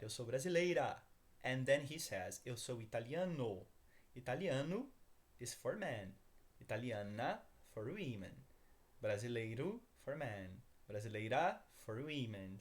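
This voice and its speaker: A Brazilian man whose first language is Portuguese, speaking English with a Brazilian accent and teaching Portuguese in an upbeat manner, repeating phrases slowly. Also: mid-range voice. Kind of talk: language lesson, mixing English explanation with Portuguese examples.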